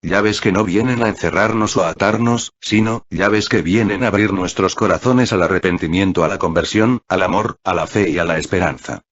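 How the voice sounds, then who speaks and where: A man's voice: low voice, normal speed, few pauses. A man preaching an earnest Sunday reflection, exhorting his listeners. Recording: dull lo-fi audio.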